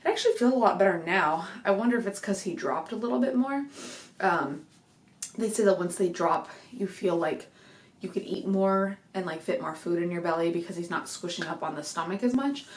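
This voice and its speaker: A young woman with a fairly low, expressive voice talks briskly to camera in a rambling home vlog updating viewers on her pregnancy. The sound is reverberant through a desk mic, and she comes across slightly breathless with lots of fillers.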